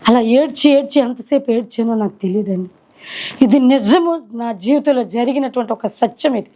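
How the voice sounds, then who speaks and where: A middle-aged woman sharing her personal faith testimony at home, earnest and reflective, pausing and slowing as she recalls. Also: high-pitched, mellow. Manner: earnest, reflective storytelling with slow hesitations. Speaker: testimony speaker. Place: indoors at her own home.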